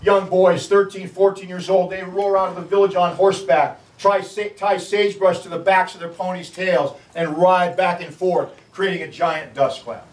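A man's voice: high-pitched, flat delivery, moderate pace, hardly any pauses. A male park ranger telling a battle story vividly outdoors, acting out the people in it. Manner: vivid, acts out quotes. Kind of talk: dramatic historical storytelling. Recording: echoey, distant from mic, faint noise.

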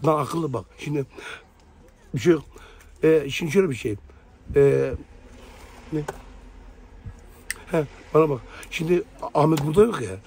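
A man's voice: fairly high pitch, moderate pace, pauses often, a little mellow, breathy edge. A man in casual chat who talks in an agitated way, repeating words and stammering. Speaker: regular of the show.

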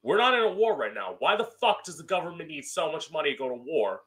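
In a small room at home, a man speaks into a close studio mic on a boom arm with a pop filter, delivering a solo opinion monologue to camera. His voice is on the high side, very animated, quick, and a bit bright, with a campy drag queen flair as he hosts emphatically.

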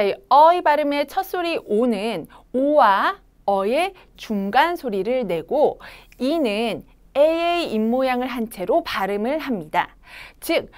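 A young Korean woman teaching English pronunciation to children, modeling each sound slowly for kids to repeat. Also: fairly high pitch, clear, resonant tone. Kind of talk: children's phonics lesson.

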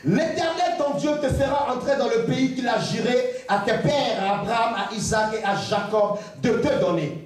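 A man preaching a fervent sermon as pastor, pausing in short phrases for his interpreter and rising to shouts. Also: extremely high pitch, soft background music. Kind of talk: sermon in French with live interpretation. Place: large church hall with stage. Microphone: handheld mic, filmed from far. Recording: very echoey church hall, distant mic.

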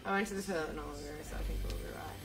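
A woman's voice: low voice, racing, vocal fry. A young woman chatting and joking while streaming a game, reading out viewer chat and swearing freely. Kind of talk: casual chat while gaming. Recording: distant mic with loud background noise.

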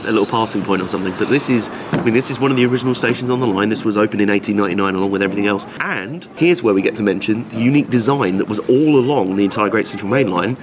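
A man's voice: lowish voice, racing. A man hosting a casual travel vlog, chatty and upbeat, talking outdoors at a railway station in the rain. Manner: chatty, upbeat, laughs often. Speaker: vlog host. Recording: noisy outdoor recording.

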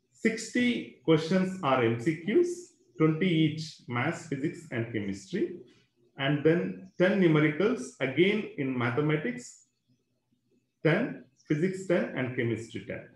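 A man who works as a school educator walks through exams in an online webinar, his slightly high voice picked up by a computer microphone. He uses plenty of fillers and keeps tacking on "right?", and the audio is rough and echoey.

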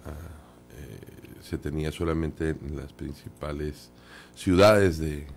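A man's voice: a bass voice, takes it slowly, gravelly, slight background noise. A man, a dubbing studio director, speaking earnestly in a radio interview with many fillers. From Sonora, Mexico.

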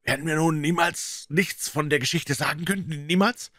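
A man voicing a scared, superstitious ragged boy in an audiobook, speaking in a higher, frightened, often whispered voice. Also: very animated, normal speed, a bit bright, breathy edge, no room sound, studio quality, full character voice. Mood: awed. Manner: whispered, frightened, raised pitch.

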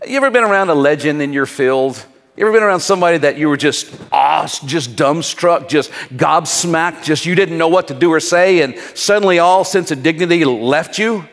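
A man preaching a sermon, asking the crowd rhetorical questions and leaving dramatic pauses. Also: on the high side, fairly bright tone, in a large hall. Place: church hall.

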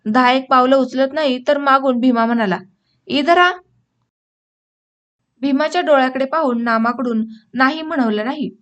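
This is a woman with a high voice reading a novel aloud as an audiobook. Her narration is steady and unhurried, and she lifts her voice for the characters' lines. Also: dull audio.

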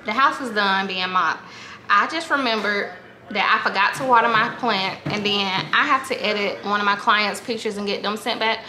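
In her home kitchen, a thirtysomething family vlogger talks casually to the camera, joking about chores and calling her audience y'all. Her mid-range voice is pushed and bright at a moderate pace, with faint music, echo, and background noise in the recording.

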